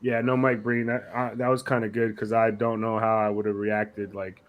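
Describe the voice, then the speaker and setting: A man with a hoarse, raspy voice co-hosting a casual sports podcast, blunt and slangy with some swearing. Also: on the low side, flat delivery, normal speed, muffled recording. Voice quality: raspy, rough voice. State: hoarse, sick.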